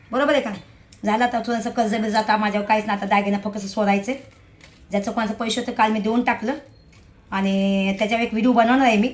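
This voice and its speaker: A middle-aged woman talks straight to her viewers in a casual, rambling vlog, her voice sitting a little high. She is chatty and emphatic and keeps asking whether they agree with her. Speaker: vlogger.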